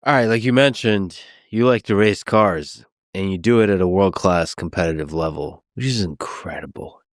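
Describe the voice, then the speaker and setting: A man's voice: sits low, normal speed, dry recording, studio quality. A man hosting a casual interview, asking curious and reflective questions.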